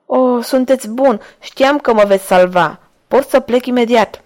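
Woman reader doing a young abducted woman in an audiobook, high and emotional, pleading. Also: darkish tone, lightly acted. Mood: hopeful.

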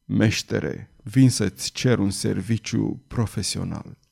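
Guy reading as a hoarse hooded cardinal, harsh and bossy, gets loud, mellow dark tone. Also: lightly acted. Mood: stern. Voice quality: hoarse, lowered voice. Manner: harsh, commanding, rising to loud outbursts. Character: hooded cardinal, stern, commanding, then pleading man. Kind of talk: audiobook character voice.

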